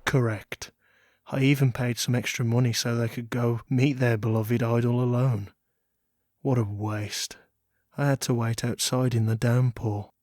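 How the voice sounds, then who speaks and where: A man's voice: mid-range voice, fairly even intonation, a little slow, a little mellow, dry recording, studio quality, lightly acted. Man acting a composed, jealous rich yandere man. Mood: bitter hurt. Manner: yandere, composed, formal, wounded devotion. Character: wealthy, self-controlled yandere man, jealous but restrained. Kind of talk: dramatic audio role-play.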